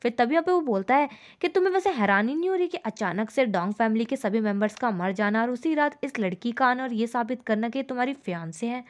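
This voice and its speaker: A woman narrating a drama plot as a storyteller, retelling scene after scene in a steady flow. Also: a little high, brisk, few pauses. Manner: steady retelling, leans on the filler "जो है".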